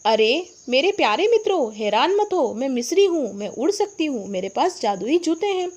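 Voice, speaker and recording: A woman reading the part of a cheerful young schoolgirl who can fly, speaking eagerly with exclamations, in a high voice. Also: big pitch swings, moderate pace, a little mellow, highs cut off. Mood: excited.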